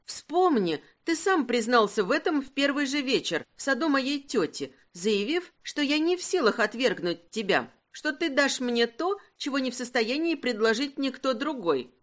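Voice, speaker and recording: A woman playing a proud young heiress in a romance audiobook, earnest and quick to argue. Her voice moves with a lively, wide-ranging pitch. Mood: indignant.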